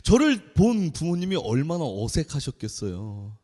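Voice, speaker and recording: A man in his thirties preaching a sermon as a junior pastor, telling stories with lively acted-out voices. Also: a little high, normal speed. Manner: animated storyteller, acts out quoted voices. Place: church sanctuary. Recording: reverberant church hall.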